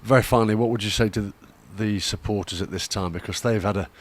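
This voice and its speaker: A man's voice: fairly low pitch, steady tone, quick pace. A man interviewing a player after a match, asking probing questions that end in tags. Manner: probing, leading questions with tag questions. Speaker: club media interviewer.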